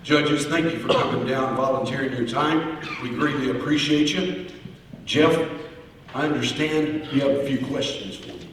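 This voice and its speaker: A man gives formal contest answers in a courteous, earnest, deliberate way, like an orator. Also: medium pitch, a bit bright, a little hiss or hum. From Oklahoma, US. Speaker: auctioneer, contest finalist. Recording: echoey hall, heard from far off.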